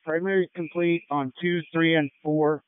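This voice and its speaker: A man's voice: a little high, flat delivery, normal speed, smooth. A man, a firefighter, giving reports to command over a two-way radio. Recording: tinny narrowband two-way radio.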